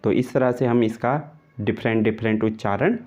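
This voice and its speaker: A man's voice: lowish voice, normal speed, a little mellow. A man teaching a Hindi grammar lesson for exam preparation, explaining step by step, sounding out the example vowels and often tagging "right" in English.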